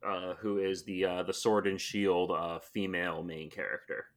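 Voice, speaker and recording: A man on a casual podcast panel, talking hesitantly with many pauses and "um"s. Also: deep voice, flat delivery.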